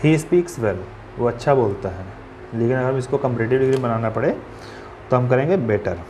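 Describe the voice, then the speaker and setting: A man's voice: mid-range voice, normal speed, a little mellow, slight background noise. A man teaching a grammar lesson. He asks questions and answers them himself, and he spells words out letter by letter.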